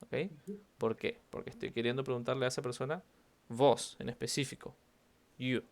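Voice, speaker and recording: A man's voice: medium pitch, fairly even intonation, normal speed, vocal fry. A man with a Rioplatense Spanish accent teaching an online English class, explaining intonation and repeating example phrases with stress.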